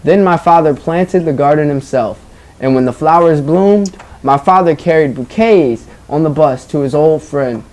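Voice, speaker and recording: A teacher reads a story aloud to children, stopping to prompt them with questions and briefly acknowledging their answers. The voice is mid-range and darkish in tone, at a moderate pace.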